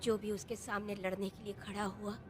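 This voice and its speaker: A woman plays an older woman recounting the past in a solemn, even, flat voice in a dubbed film drama. Film music plays clearly behind her. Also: mid-range voice, moderate pace, natural voice.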